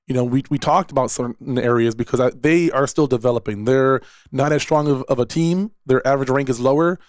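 A man's voice: mid-range voice, darkish tone, dry recording, clean studio sound. A man, hosting a casual solo podcast and talking in a rambling way with repeated words and fillers. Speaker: podcast host and esports director.

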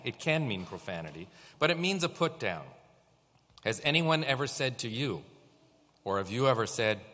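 A man's voice: medium pitch, bright, forceful tone. A man preaching a sermon as pastor, asking the congregation rhetorical questions. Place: church sanctuary. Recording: long reverb of a church hall.

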